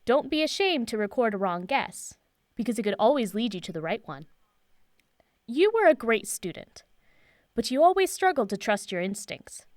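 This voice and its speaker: Professor Van Helsing, brisk and dry-miked. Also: female voice, on the high side, big pitch swings, no echo. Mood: assured, instructive. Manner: assured, instructive, decisive. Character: brisk, confident professor, mentor to a former student. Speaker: actor in audio drama. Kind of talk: naturalistic audio drama acting.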